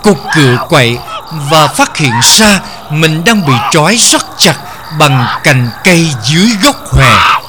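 A man narrating a horror story in a slow, dramatic storytelling manner. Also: a little high, big pitch swings, over music.

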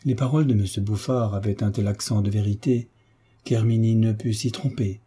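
A man reading a classic novel aloud in a measured, expressive way. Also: on the low side, breathy edge. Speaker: audiobook narrator. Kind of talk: literary narration.

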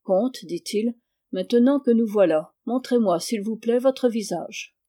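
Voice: mid-range voice, unhurried, mellow, close to an everyday voice. A reader voicing a scheming medieval French king in an audiobook, protesting and wheedling, then turning curt. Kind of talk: audiobook character reading.

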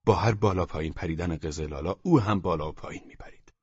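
A deep-voiced man reads a literary novel in a calm, measured storyteller's delivery that often drops to a soft near-whisper. His tone is husky, and the recording is dry, dull and lo-fi. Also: no room sound. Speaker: audiobook narrator. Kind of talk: scripted literary narration.

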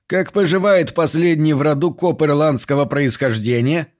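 A man voicing a mannered, pompous police captain with a squeaky voice and a falsely hearty, condescending manner. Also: normal speed, lightly acted.

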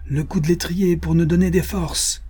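A man voicing a brave frontier hunter who gives loud commands to his men in a read adventure story. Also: medium pitch, animated, moderate pace, husky, pitched above the performer's own voice. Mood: commanding.

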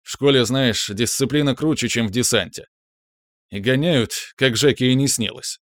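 A man's voice: medium pitch, moderate pace, fairly bright tone, no room sound, clean studio sound, natural voice. A man playing a smirking, cocky young guy. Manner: smirking, casual.

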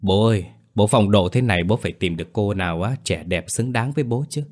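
A man voicing a scheming young daughter-in-law who coaxes with sly flattery. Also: on the low side, a little fast, natural voice. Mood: wheedling.

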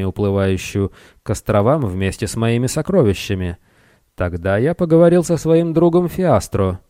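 A greedy scheming merchant speaks with a hoarse rasp and a slight lisp, voiced by a man. He wheedles and hisses, his tone darker and more mellow than bright. The audiobook voice sits close and dry. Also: on the low side, no echo, close to an everyday voice. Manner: wheedling, menacing hiss.

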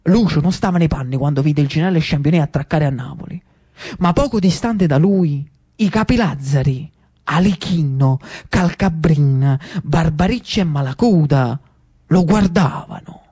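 A storyteller telling a tale in an ironic, lively theatrical monologue. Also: medium pitch, moderate pace, slightly rough. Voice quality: animated, ironic, with dialect turns.

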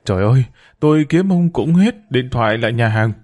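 A man's voice: mid-range voice, animated, brisk, darkish tone, close to an everyday voice. A man voicing a panicked female housekeeper reporting bad news. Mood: flustered. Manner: flustered, urgent.

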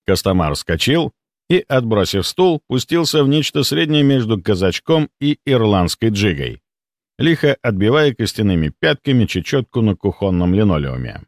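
A man reading an audiobook as narrator in an even, measured way. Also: lowish voice, no room sound, studio quality. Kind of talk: scripted narration.

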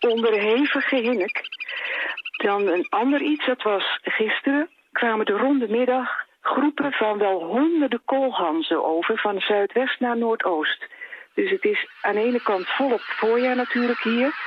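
A woman leaves a calm phoned-in message about what she saw. The line is muffled, and loud background noise runs under her voice. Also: medium pitch. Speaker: caller.

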